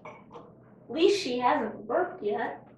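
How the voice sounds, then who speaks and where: A woman's voice: high voice, animated, drawn-out words, darkish tone, slight background noise. Chatty woman hosting a home cooking show. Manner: chatty, joking, talks with her mouth full. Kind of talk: casual cooking show chat. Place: home kitchen. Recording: echoey kitchen, mic far off.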